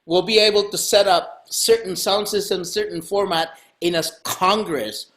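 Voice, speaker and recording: A middle-aged man hosting a casual interview over a video call from home, animated and joking, laughing often. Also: high-pitched, moderate pace. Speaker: podcast host. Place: home room indoors. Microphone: video call webcam.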